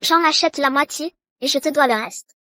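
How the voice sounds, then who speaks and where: Little child, cute, wheedling, very high bright voice, drama dub. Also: female voice, moderate pace, dry recording. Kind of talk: dubbed short-drama acting.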